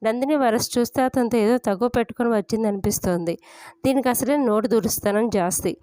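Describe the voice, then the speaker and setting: A woman narrating a family story in an even, measured way. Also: on the high side, no room sound.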